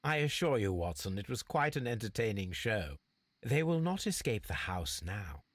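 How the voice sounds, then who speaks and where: An actor playing a self-assured, calculating gentleman detective in a video game, speaking formally and precisely. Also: on the low side, very animated, normal speed, no room sound.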